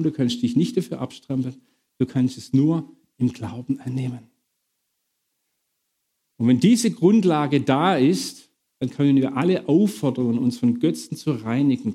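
A middle-aged man preaching a sermon to his congregation, lively, questioning and bantering with the listeners. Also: mid-range voice.

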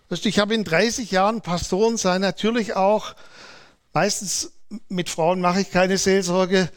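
A middle-aged male pastor preaching a sermon in a lively, conversational way, acting out short quotes. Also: high voice.

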